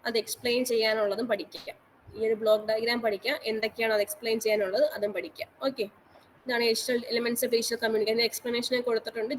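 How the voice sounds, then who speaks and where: A woman's voice: on the high side, a little hiss or hum, rough recording. Repetitive woman teacher, online class. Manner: repetitive, instructive, mixes English terms into speech. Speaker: college teacher. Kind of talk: online class lecture on exam syllabus.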